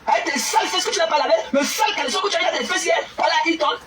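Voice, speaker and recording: A woman scolding and mocking someone in an angry, shouting rant, often stammering and repeating herself. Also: extremely high pitch, rapid-fire. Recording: distant mic with loud background noise.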